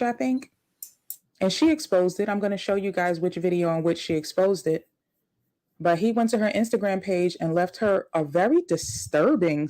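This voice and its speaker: A woman's voice: mid-range voice, darkish tone, low-quality recording. Indignant woman commentator. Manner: indignant, repeats words for emphasis. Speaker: commentary YouTuber. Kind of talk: casual commentary.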